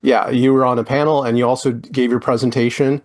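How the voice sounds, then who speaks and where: A man's voice: medium pitch, little pitch movement, a little fast, darkish tone. A man hosting a podcast interview, rambling and friendly as he asks his questions. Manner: rambling, many fillers and restarts, friendly. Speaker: podcast host. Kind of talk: casual interview chat.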